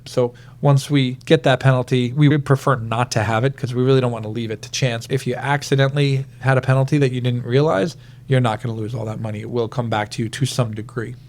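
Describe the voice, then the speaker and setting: A man co-hosting a retirement planning show, explaining rules step by step with worked examples in a steady, methodical way. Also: medium pitch, fast. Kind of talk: explanatory podcast talk.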